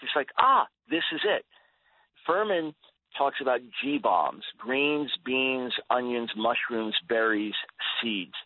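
An earnest, emphatic man in his sixties, a guest on a radio talk show, who often repeats words as he starts a thought. His voice sits at an ordinary middle pitch. It comes through a thin, phone-like line with a close, dry sound. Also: no echo. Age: 60s. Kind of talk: radio interview.

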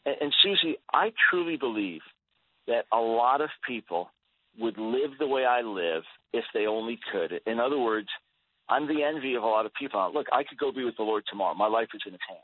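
A man's voice: mid-range voice, expressive, brisk, no room sound. A man in his sixties talking as a guest on a radio interview, earnest and emphatic, often repeating words as he starts a thought. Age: 60s. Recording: tinny phone-line radio audio, dry.

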